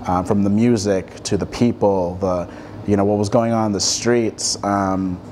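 Young man, low voice, halting answers. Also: steady tone, darkish tone, a little hiss or hum. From Ethiopia, raised across Africa. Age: 20s. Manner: thoughtful, many ums and restarts. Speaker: guest artist. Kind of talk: relaxed interview answers. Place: dim studio with armchairs.

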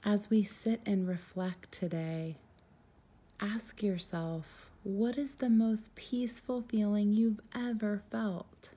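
A woman guides a meditation in a soft, soothing, gentle voice, unhurried and at times breathy. Her voice is mid-range and her intonation fairly even.

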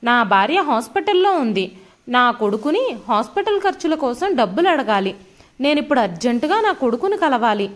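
A woman's voice: high voice, big pitch swings, normal speed. A woman voicing a tearful elderly father from a village who begs his son for help. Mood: pleading. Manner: tearful, begging.

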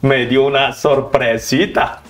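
A young man with a Korean accent, a Korean native speaker, telling animated stories as an interview guest in simple learner's Spanish and acting out the scenes. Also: slow, faint music behind. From South Korea. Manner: acts out scenes, jumps high for quoted lines, broken learner's Spanish.

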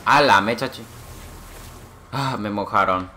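A man giving excitable gameplay commentary, swearing and making gun noises. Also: fairly low pitch, slow pace, slight background noise. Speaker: gamer playing a shooter.

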